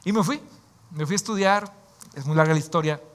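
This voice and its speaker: Speaking a little fast in a fairly high voice, a man in his forties who is a pastor recounts his personal story as sermon testimony, in a heartfelt, confiding tone.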